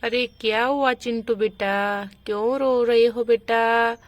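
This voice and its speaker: A woman's voice: a little high, fairly even intonation, takes it slowly, dry recording. A woman voicing a concerned young father in a doll storybook, soothing and fussing over his child.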